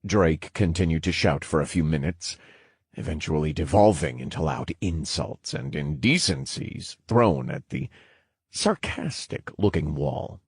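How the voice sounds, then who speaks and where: Male audiobook narrator, very deep and husky, slow and measured, dry booth sound. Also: animated, dry recording. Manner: measured, wry storytelling.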